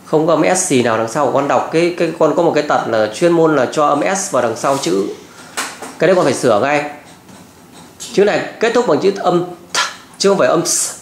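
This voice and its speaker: A man's voice: a little high, lively intonation, fairly quick, roomy sound, slight background noise. A man tutoring a child at home, firmly correcting and repeating model words. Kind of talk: pronunciation drill.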